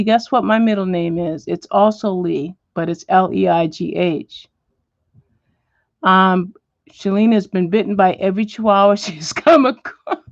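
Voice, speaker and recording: A woman hosting a home livestream as she colors. She chats with viewers and answers them by name, and now and then she drops to a soft whisper. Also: medium pitch, no room sound, highs cut off. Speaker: livestream host. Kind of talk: casual chat while coloring, reading viewer comments. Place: at home, indoors.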